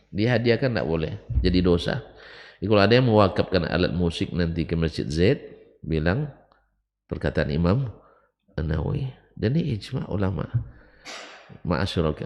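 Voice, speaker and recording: A man's voice: sits low, vocal fry, darkish tone. A middle-aged man giving a religious study lecture in a conversational way, telling anecdotes and rising into emphatic bursts. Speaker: Islamic teacher. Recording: long hall reverb.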